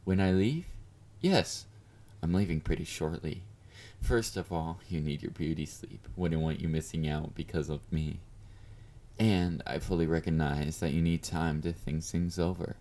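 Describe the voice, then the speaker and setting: With a warm bass voice at a measured pace, a man performs a flirty, obsessive yandere fan full of confidence for an intimate audio roleplay. He addresses his beloved teasingly and smugly, murmuring endearments with mock consideration.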